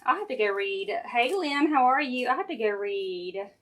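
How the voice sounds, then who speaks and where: A woman with a Southern American accent hosts a casual crafting livestream from home, speaking at a moderate pace in a fairly high, expressive, slightly bright voice. Folksy and chatty, she addresses viewers directly and muses aloud as she works with her hands, picked up by a sensitive live-stream camera mic.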